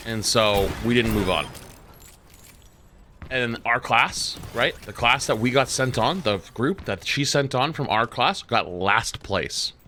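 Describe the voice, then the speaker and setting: A young man chats casually over his gameplay stream and tells a long story. He swears freely and leans on fillers. He gets animated when he complains. A faint hiss and game sounds sit behind his voice. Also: mid-range voice, slow. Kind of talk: casual chat while gaming.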